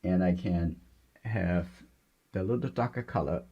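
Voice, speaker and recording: Gentle, low gravelly male painting instructor. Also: measured pace, dull audio. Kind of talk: step-by-step painting demonstration, unscripted.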